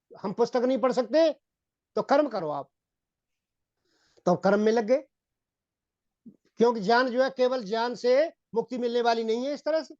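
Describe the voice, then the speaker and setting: A man giving a Hindi-accented sermon on Vedic philosophy, repeating phrases and often addressing his listeners as gentlemen. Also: very high-pitched, no room sound. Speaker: Vedic preacher. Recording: dull, dry lo-fi recording.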